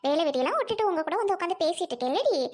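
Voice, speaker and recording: Woman doing a rapid, scolding old village woman. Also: very high voice, big pitch swings. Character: gruff nagging old village woman, quick-tempered.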